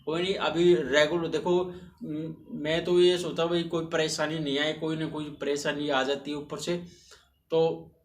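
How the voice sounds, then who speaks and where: A man's voice: fairly high pitch, level tone, measured pace. Man teaching in an echoey room. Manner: repetitive, encouraging, frequent tag questions. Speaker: English grammar teacher. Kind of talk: casual classroom explanation. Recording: echoey room with faint hiss.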